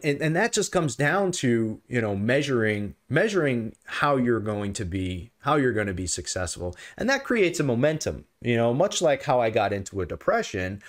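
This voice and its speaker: A man guest, a personal trainer, talking earnestly and emotionally, with many halting restarts. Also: medium pitch. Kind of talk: interview guest, earnest talk.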